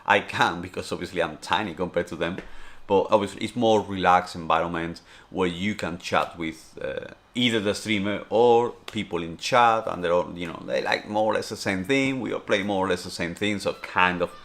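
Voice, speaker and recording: Speaking with a Spanish accent, this man from Spain, in his thirties, has a deep, low voice with a fairly bright tone. During a streamer's relaxed Q&A he wanders off topic, loops back, and leans on fillers like "you know" and "obviously."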